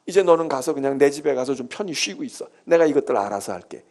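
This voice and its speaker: A man voicing God as a tender, protective parent who reassures a hurt child, speaking softly and kindly in a sermon. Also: mid-range voice, lively intonation, fast talker, pitched below the performer's own voice, close to an everyday voice. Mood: reassuring.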